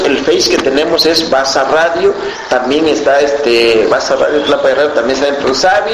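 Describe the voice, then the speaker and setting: A man from the mountains of Guerrero, Mexico, with a Mexican accent and Mixtec as his first language, answering interview questions for a community radio station in an earnest, unhurried way. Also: mid-range voice. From Guerrero mountain region, Mexico. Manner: earnest, unhurried, often checking with "¿no?". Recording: roomy with background noise.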